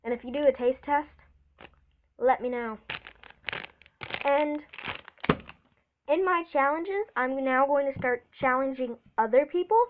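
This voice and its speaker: Chatty, higher-voiced woman taste-testing. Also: a little slow, long pauses, phone-quality sound. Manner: chatty and eager, reacting aloud as she tastes. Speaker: vlogger. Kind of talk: casual taste-test commentary.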